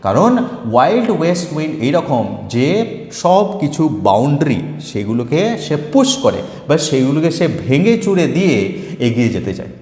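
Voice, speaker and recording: A man's voice: fairly high pitch, big pitch swings, darkish tone. A man teaching English poetry, explaining a poem line by line and mixing English terms into his talk. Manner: reads poem lines slowly and deliberately. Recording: echoey room with long reverb.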